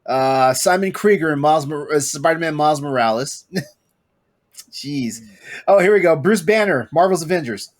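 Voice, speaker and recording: A man hosting a casual gaming podcast, chatty and excitable, with many fillers and bursts of laughter. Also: on the high side, a little fast. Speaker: podcast host.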